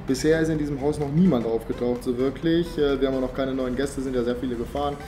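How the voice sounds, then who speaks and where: Holding a phone or camera at arm's length, this young adult vlogger chats upbeat and slangy both outdoors on residential streets and indoors in a living room. He's a fast talker with a steady, mid-range voice and sounds slightly congested from a cold. The background is noisy.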